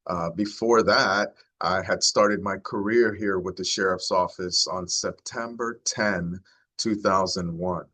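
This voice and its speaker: A man's voice: sits low, steady tone, unhurried, bright, forceful tone. A man in his forties, a county sheriff, giving an earnest, heartfelt talk to a neighborhood group. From United States. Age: 40s.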